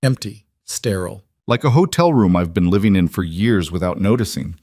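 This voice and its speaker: A reserved, earnest woman CEO speaks softly in a storybook, as a male narrator puts her on. The voice sits a touch above his own low range and stays quiet. The sound is dry and close. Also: lively intonation, moderate pace, dry recording. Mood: tender.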